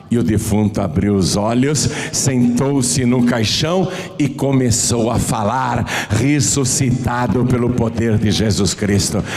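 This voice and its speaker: A Brazilian pastor preaches slowly, his gravelly voice rising high and sinking low as he dramatizes scripture. The man's words ring out with a long reverb through a church hall. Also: a little mellow. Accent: Brazilian Portuguese. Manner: preaching with dramatic swings in pitch and pace, quoting scripture. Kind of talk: sermon.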